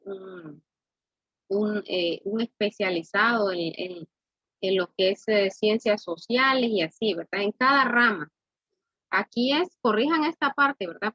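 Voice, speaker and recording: A woman's voice: medium pitch, fairly bright tone, no room sound. Female teacher, patient and repetitive, always asking "¿verdad?"; muffled, dry recording. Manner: explains slowly, keeps asking "¿verdad?". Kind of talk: classroom lesson.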